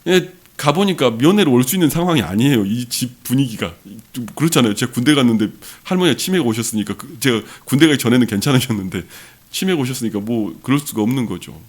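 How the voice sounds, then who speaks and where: A man's voice: mid-range voice, lively intonation, fast talker. A middle-aged man from Jeolla, South Korea, preaching a sermon as pastor, telling a personal story with earnest rhetorical questions to the congregation.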